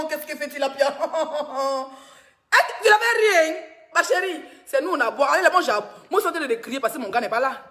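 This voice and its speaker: High, bright-voiced mocking woman. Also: normal speed, few pauses. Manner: mocking, laughs often, teasing. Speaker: blogger. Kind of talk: live-stream gossip commentary.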